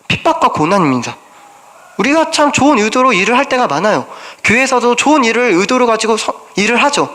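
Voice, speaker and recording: Young Korean male junior pastor, sermon delivery, high ringing voice, questioning and prayer-voicing. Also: a bit bright. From South Korea. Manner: asks the congregation questions, voices prayers in first person.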